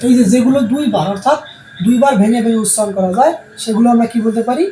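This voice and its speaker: A man's voice: very high voice, fast talker, dark tone. A male teacher, giving a classroom lesson and answering his own questions over and over. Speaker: English teacher. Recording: roomy sound with faint background noise.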